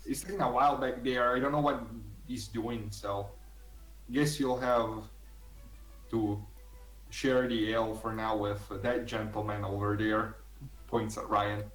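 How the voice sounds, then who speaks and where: A flustered old innkeeper who apologizes his way through every sentence, unhurried and halting, as a man voices him in a tabletop game. The voice sits back from the mic in a roomy, echoey space. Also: on the low side, steady tone, fairly bright tone, recorded from a distance, soft background music. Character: confused old male tavern keeper.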